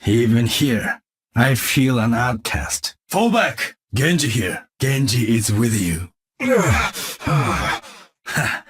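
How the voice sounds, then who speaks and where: A solemn ninja warrior in a video game. He speaks slowly and with discipline, in a husky voice that rises and falls. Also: medium pitch, big pitch swings, fairly bright tone, exaggerated voice. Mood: focused resolve. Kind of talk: video game character voice lines.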